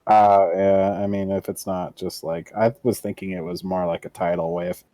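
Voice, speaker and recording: Low-voiced laid-back player. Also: male voice, level tone, moderate pace, warm tone, no echo. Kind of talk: casual table talk.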